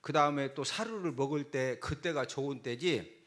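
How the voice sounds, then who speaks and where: A man preaching a sermon as pastor, animated and teasing, often asking the congregation a quick "예?". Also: medium pitch.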